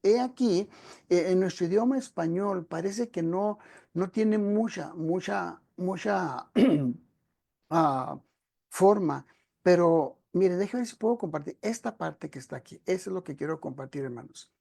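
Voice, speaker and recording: A man's voice: high voice, measured pace, gravelly, dark tone. A male preacher giving a teaching sermon, explaining a passage step by step and often addressing the congregation directly. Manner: explanatory, addresses listeners as brothers and sisters.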